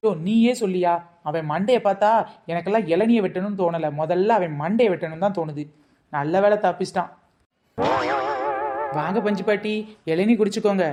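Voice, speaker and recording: A woman acting as a sharp-tongued, cheeky seller's wife in a comedy skit. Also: medium pitch, brisk, pauses often, faint music behind. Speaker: comic actor playing the seller's wife.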